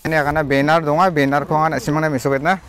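A man's voice: a little high, level tone, very fast, fairly bright tone. A man with a Garo accent narrating a casual walking tour outdoors, rambling and repeating himself as he talks straight to his viewers. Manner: rambling, repetitive, addresses viewers directly. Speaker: vlogger. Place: outdoors by a village pond.

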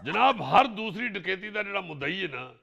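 A man's voice: high voice, lively intonation, a little fast, vocal fry, bright, forceful tone, full character voice. A man with a Punjabi accent playing a blustering police officer who mocks a robbery victim in a comedy sketch. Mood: mocking. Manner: mocking, bantering with laughs. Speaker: comic actor.

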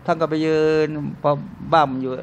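A man's voice: normal speed, dull audio, slight background noise. A man giving an informal religious sermon to a live audience. He keeps calling out to his listeners as brothers and sisters, asks them questions, and jokes in a chatty way. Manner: jokey and conversational, acts out short everyday scenes. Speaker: Islamic religious teacher. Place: restaurant used as a talk venue.

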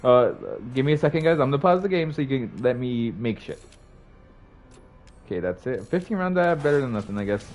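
Excitable swearing young male streamer. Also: medium pitch, brisk, highs cut off, soft background music. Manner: excitable, swearing, panicked outbursts. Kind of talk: live gameplay commentary.

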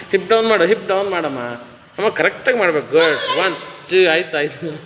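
A man's voice: sits high, normal speed, in a large hall, background noise. A man from Karnataka coaching a home workout in a casual, bossy and teasing way, counting reps aloud. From Karnataka, India. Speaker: fitness coach.

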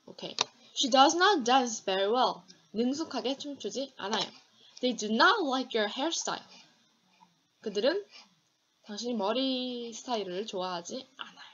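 A woman's voice: fairly high pitch, bright, forceful tone, slight background noise. Woman teaching English grammar, slightly muffled. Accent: Korean. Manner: slow, deliberate enunciation of English example sentences. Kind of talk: online grammar lecture.

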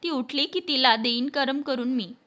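A woman's voice: high voice, moderate pace, sharp tone. A woman voicing a kind older mother-in-law who scolds and dotes at once. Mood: doting. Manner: scolding yet doting.

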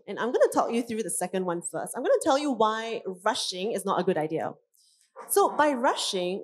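Woman in her thirties, parenting coach, conference talk, animated, mid-pitched voice.

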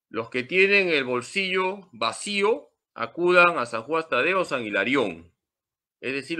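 Male priest, bright forceful voice, lively preaching. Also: medium pitch. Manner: emphatic, lively teaching with humor. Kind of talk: Marian catechesis talk.

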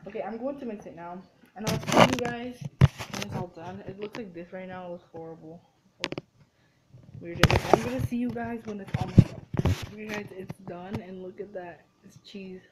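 A young woman from a Mexican family chatting casually while cooking, full of "like" and "dude" and quick to say "ew". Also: mid-range voice, heavy background noise. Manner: chatty and easily grossed out, lots of "like" and "dude". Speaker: vlogger. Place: dim home kitchen.

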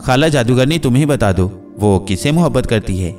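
A man's voice: medium pitch, animated, a little mellow, pitched above the performer's own voice, natural voice. A man voicing a sly, mocking comic character who is eager to be married. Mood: cheeky. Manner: mocking, quick-witted. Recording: distant mic with faint music.

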